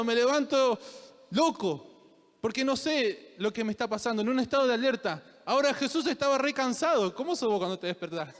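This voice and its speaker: High-voiced Rioplatense preacher in a reverberant hall. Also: male voice. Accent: Rioplatense Spanish. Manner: voseo, questions to the congregation, builds to shouted fervor. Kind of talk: sermon. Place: church.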